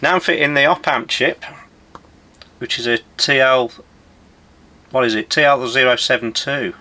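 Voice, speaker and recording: Working at a bench in his indoor electronics workshop, a forty-something man narrates the repair casually as he goes, presenting it like a workshop demonstration. His medium-pitched voice is bright and forceful, delivered at normal speed.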